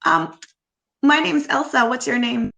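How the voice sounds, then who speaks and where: A woman's voice: high voice, normal speed, vocal fry, bright, forceful tone. A woman from Canada tutoring English online, friendly and asking follow-up questions, laughing easily.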